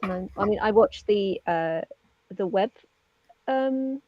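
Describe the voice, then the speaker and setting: A woman co-hosts an interview in a relaxed, chatty way, captured on a dull, dry lo-fi mic with no echo. Her voice sits at medium pitch, and she speaks slowly and expressively.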